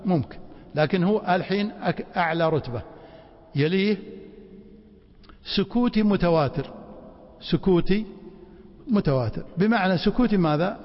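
In a mosque study circle, a high-voiced, gravelly man who teaches Islamic law lectures and fires rhetorical questions at his students. The recording is lo-fi and dull, made in a hall with heavy reverb.

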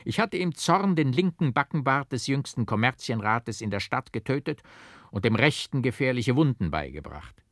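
A man's voice: medium pitch, very animated, moderate pace, a bit bright, dry recording, studio quality, pitched above the performer's own voice. A man voicing a comical, melodramatic male barber who sighs and complains. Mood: whiny lament. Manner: plaintive, sighing, melodramatic. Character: comical runaway male barber, whiny and theatrical.

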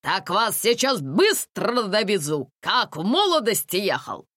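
A woman's voice: mid-range voice, very animated, unhurried, fairly bright tone, no echo, studio quality, pitched above the performer's own voice. A woman voicing a jovial middle-aged male bus driver who talks bluntly and familiarly, in broken phrasing.

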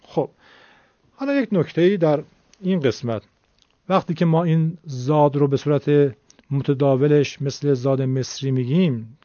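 A middle-aged man teaching Quran recitation, explaining patiently and demonstrating sounds slowly. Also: fairly high pitch, warm tone, no room sound. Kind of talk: explanatory lesson. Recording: dull lo-fi recording.

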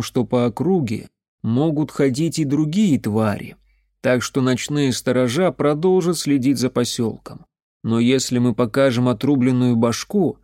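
A man reading a fantasy story aloud as narrator in a steady, even way. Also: mid-range voice, no echo, clean studio sound. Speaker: audiobook narrator. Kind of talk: scripted narration.

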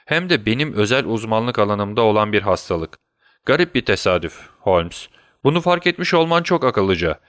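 A man's voice: medium pitch, a bit bright, dry recording, studio quality, close to an everyday voice. A man voicing a sly, gloating doctor villain in an audiobook, mocking and taunting his victim. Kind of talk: audiobook character voice.

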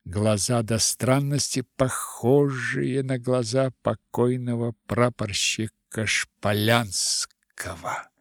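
A man narrating a literary audiobook in a measured, expressive way. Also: medium pitch, vocal fry, no room sound, studio quality.

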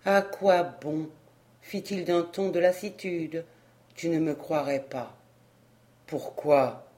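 A woman's voice: mid-range voice, measured pace, dark tone, close to an everyday voice. A woman reading aloud as a weary, hesitant young man who survived a shipwreck and guards a secret.

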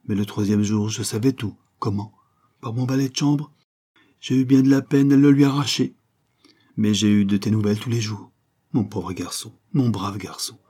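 A man voicing an aging, tender aristocratic father who talks in a hushed, emotional way in a storybook reading. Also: fairly low pitch, close to an everyday voice.

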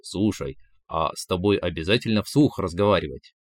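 A man reading a story aloud, voicing an excitable, gullible young man who blurts things out and gets indignant when flustered. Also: low voice, normal speed, no room sound, clean studio sound, pitched below the performer's own voice, natural voice. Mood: eager. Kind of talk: audiobook character voicing.

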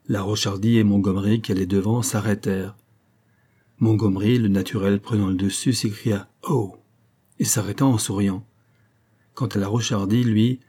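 Male audiobook narrator, mellow and slightly low, reads in steady measured phrases. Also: breathy edge. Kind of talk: audiobook reading.

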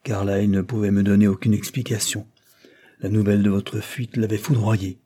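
A man's voice: fairly low pitch, flat delivery, moderate pace, mellow, close to an everyday voice. A man reading an audiobook plays a stern older aristocrat, the count, who lectures and reproaches in a severe tone. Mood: reproachful.

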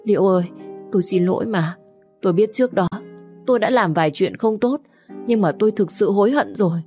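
A woman's voice: on the low side, normal speed, a little mellow, soft background music, close to an everyday voice. A woman voicing a scheming young woman who begs tearfully in a raised, pleading voice. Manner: pleading, sobbing, wheedling.

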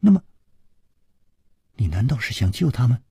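A man's voice: mid-range voice, big pitch swings, moderate pace, dark tone, husky, dry recording, studio quality, exaggerated voice. A man voicing an outspoken young woman who presses with questions. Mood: urging.

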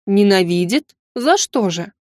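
A woman reading an audiobook voices a curious noble lady who speaks in a smooth, condescending, softly amused way. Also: medium pitch, expressive, unhurried, no echo, studio quality, natural voice.

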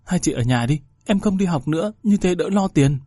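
A man's voice: on the high side, lively intonation, a little fast, dark tone, husky, no echo, studio quality, pitched above the performer's own voice. A man voicing a frightened young schoolgirl who pleads and comforts her older sister in a read-aloud story. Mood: tender. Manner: pleading, childlike.

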